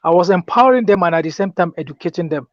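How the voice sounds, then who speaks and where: A Nigerian-accented man, a guest in a political discussion, insistently recounts his personal experience in a high voice with lively intonation and rapid-fire delivery. The call audio is dull, dry, and lo-fi, with no echo.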